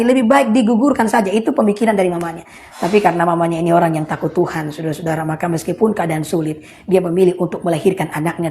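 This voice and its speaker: A woman's voice: on the low side, darkish tone, a little hiss or hum. A woman preacher giving a livestream sermon, speaking emphatically, repeating her points and addressing listeners directly. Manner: emphatic, repetitive, addresses listeners as brothers and sisters.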